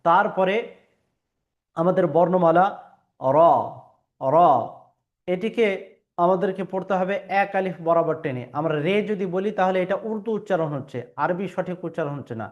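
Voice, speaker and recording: A man with a somewhat high voice gives a patient lesson on pronouncing Arabic letters. He stretches each sound out to model it and pauses often with small fillers. The recording sounds dull and lo-fi. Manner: patient and explanatory, models sounds by drawing them out; frequent hesitation fillers. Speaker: Quran reading teacher.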